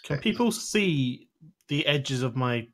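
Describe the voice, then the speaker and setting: A man's voice: mid-range voice, expressive, slow, a bit bright. A man chatting casually as a player in a tabletop game with friends. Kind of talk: casual chat among players.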